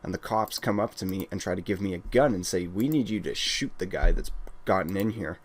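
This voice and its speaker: A man's voice: deep voice, fairly quick. Blunt, exasperated Welsh-born man. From Wales. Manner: blunt and exasperated, with frequent restarts. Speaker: gaming channel host. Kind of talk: casual ranting monologue.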